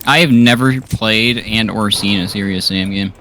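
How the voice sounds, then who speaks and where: A man's voice: on the low side, moderate pace, sharp tone. A young man in casual chat as he plays a co-op game with a friend. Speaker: co-op gaming partner. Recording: voice chat over noisy game gunfire.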